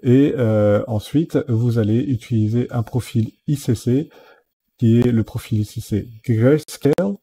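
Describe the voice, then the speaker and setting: A man narrates a software tutorial over his screen, moving through each step with frequent fillers. His voice is very dark and mellow, with a husky edge. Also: mid-range voice, steady tone, a little slow. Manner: step-by-step, many fillers like "donc" and "euh".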